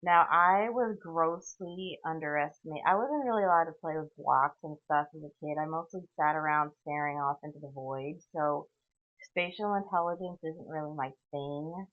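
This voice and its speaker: Sardonic female podcaster, low voice, tinny phone-like recording, rambling monologue. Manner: tangential, sardonic, frequent "okay?" asides. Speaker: podcast host. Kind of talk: rambling solo storytelling.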